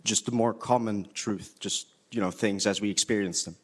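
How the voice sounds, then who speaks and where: A man's voice: lowish voice, steady tone, normal speed, slightly rough. Man rambling through a philosophical question. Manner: rambling, philosophical, stammering restarts. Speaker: audience member asking a question. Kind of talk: audience question at a lecture.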